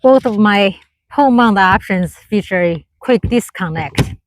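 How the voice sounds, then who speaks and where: On a small motorboat out on the water, a product demonstrator narrates a casual hands-on test in an expressive mid-range voice at a measured pace, with no room sound. She speaks in short, broken bits as she works, amid noisy boat and water sounds.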